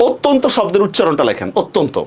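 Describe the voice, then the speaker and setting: Lively high-voiced teacher. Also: male voice, normal speed, slight background noise. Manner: repeats questions to students, checks understanding often. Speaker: online teacher. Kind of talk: live online class lesson.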